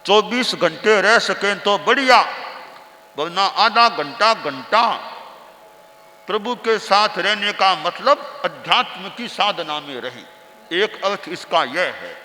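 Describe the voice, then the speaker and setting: A man giving a spiritual sermon, telling a story with slow, repetitive phrasing. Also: high-pitched, animated, sharp tone, in a large hall, poor audio. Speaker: spiritual teacher giving a discourse.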